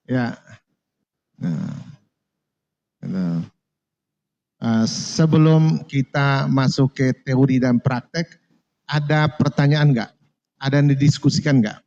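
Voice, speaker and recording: A man with an Indonesian accent teaching Quran recitation in a mosque, slowly repeating terms and correcting his students. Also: mid-range voice, gravelly, a little mellow. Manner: slow and repetitive, correcting students, drawing out Arabic terms. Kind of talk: relaxed classroom lesson. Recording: dull lo-fi recording.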